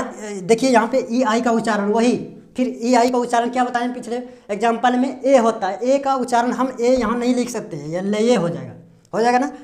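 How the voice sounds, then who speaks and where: A man teaching English pronunciation, explaining a lesson slowly with frequent hesitations and repetition. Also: very high voice. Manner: hesitant, many drawn-out filler sounds, repeats himself.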